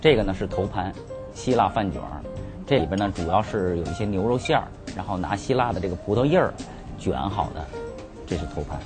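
Chef guy, really low voice, going through dishes, music behind. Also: lively intonation, fairly quick. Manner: plain, matter-of-fact with filler "啊". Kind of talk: explaining dishes.

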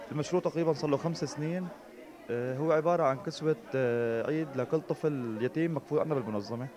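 A man in his thirties with a Syrian Arabic accent explains his charity's work very fast and matter-of-factly. He speaks into a handheld mic in a busy indoor clothing shop. A crowd murmurs behind him. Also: medium pitch, darkish tone. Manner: brisk and matter-of-fact. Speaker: charity representative. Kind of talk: interview explanation. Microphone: handheld reporter mic.

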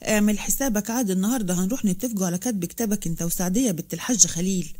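A woman's voice: medium pitch, racing, mellow, close to an everyday voice. A woman voicing a domineering old father with an Upper Egyptian accent, giving harsh, commanding orders. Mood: stern. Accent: Upper Egyptian Arabic.

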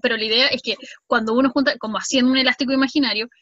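Chilean woman teacher, lively, slightly high, dry dull line. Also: very fast, no echo. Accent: Chilean Spanish. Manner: lively, speeds up and stretches sounds. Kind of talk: explaining a reading strategy.

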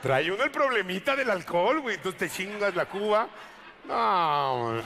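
A man's voice: high voice, animated, a little fast, fairly bright tone, a little hiss or hum. A man with a Mexican Spanish accent doing a stand-up comedy routine, full of crude slang and acted-out quotes.

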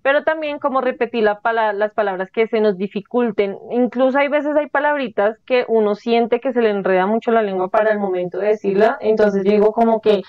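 A woman's voice: fairly high pitch, fairly quick, hardly any pauses. Chatty woman on a muffled distant line. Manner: rambling, chatty, many fillers and restarts. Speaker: guest. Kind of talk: casual panel chat.

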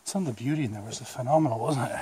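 A man's voice: medium pitch, rapid-fire, a loud crowd. A man on a cave tour, chatting playfully and teasing the others. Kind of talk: casual chat.

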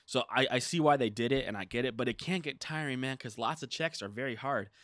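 A gaming-podcast co-host in his thirties talks fast in a mid-range voice, rambling casually with lots of "like" and retelling events in an animated way. There's no room sound; he uses a desk mic on a boom arm in a small studio room with a dark curtain backdrop.

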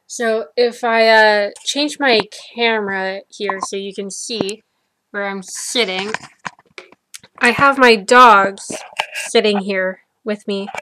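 A woman's voice: medium pitch, fairly even intonation, slow pace, fairly bright tone, a little hiss or hum. A young woman vlogging to her webcam from her computer desk at home, chatty and cheerful, cooing now and then at her dog. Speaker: vlogger and violinist. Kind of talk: casual chat to camera.

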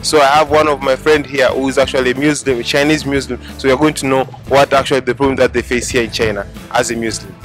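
A man's voice: medium pitch, fairly even intonation, quick pace, hardly any pauses, soft background music. A man hosting a street interview vlog outdoors, speaking enthusiastically to camera with repetitive phrasing. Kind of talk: vlog host talking to camera. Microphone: handheld mic.

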